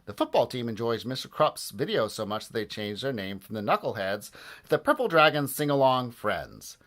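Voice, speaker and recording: A man reading a children's book aloud with expressive, lively storytelling. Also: mid-range voice, normal speed. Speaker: audiobook narrator.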